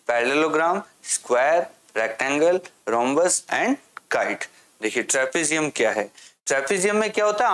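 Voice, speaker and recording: With a slightly high, somewhat bright voice, a man explains maths in a classroom lesson. He reads English aloud slowly and answers the very questions he asks.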